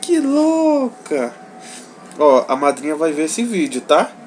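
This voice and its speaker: A woman coaxing a toddler in a lively, swooping sing-song, her voice sitting a little low for a woman. She films a home video on a handheld phone, talking playful baby talk. A faint hiss sits under her voice. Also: normal speed, low-quality recording. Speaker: caregiver filming a toddler.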